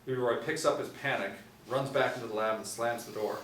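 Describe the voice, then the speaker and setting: At a table read, a middle-aged man narrates the scripted stage directions in a medium-pitched, fairly bright voice, a little fast and fairly even in intonation. He reads seated from a tablet in a small indoor room. Echo, a distant mic, and faint noise mark the recording.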